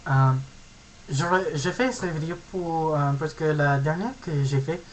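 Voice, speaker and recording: A young man from California in his late teens with an American accent, a native English speaker giving a halting, casual self-introduction on his vlog as he searches for words. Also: a little high, fairly even intonation, slight background noise, poor audio. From California, USA. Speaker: vlogger.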